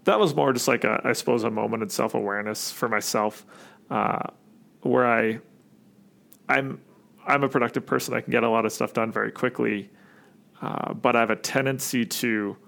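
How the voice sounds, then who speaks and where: A man's voice: mid-range voice, creaky, a bit bright. A man who runs an agency, answering interview questions in a casual, reflective way with many fillers. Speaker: agency CEO, guest.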